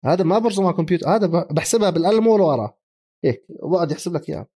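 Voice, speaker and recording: A man, co-hosting a casual sports chat. He is animated, laughs often and mixes English phrases into his speech. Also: high-pitched, racing, breathy edge. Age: 30s. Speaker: podcast co-host.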